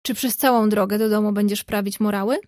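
A woman's voice: medium pitch, fairly even intonation, quick pace, a little mellow, no room sound, natural voice. A woman voicing a playful, teasing young man in a read-aloud story, speaking lightly to a close friend.

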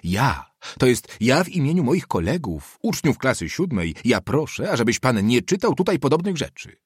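A man voicing a defiant teenage schoolboy whose hoarse bass keeps breaking into falsetto, agitated and trembling. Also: very animated, brisk, no echo, clean studio sound. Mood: indignant. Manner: agitated, shaking, brazen.

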